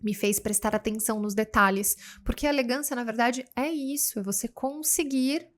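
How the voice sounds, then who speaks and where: A woman co-hosting a podcast, speaking in a calm, measured, reflective way. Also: fairly high pitch. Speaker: podcast co-host.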